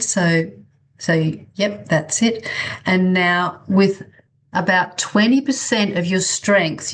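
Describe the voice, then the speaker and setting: A woman instructing a bodywork workshop over a video call, talking informally and encouragingly as she guides and checks on participants. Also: fairly low pitch. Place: online video-call class.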